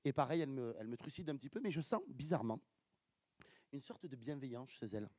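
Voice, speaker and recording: A man telling lively stories from his career to an audience, acting out the voices of the people in them. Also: mid-range voice, fast, no room sound. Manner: lively, animated storytelling with acted-out quotes and laughs. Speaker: motivational speaker. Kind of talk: storytelling talk to an audience.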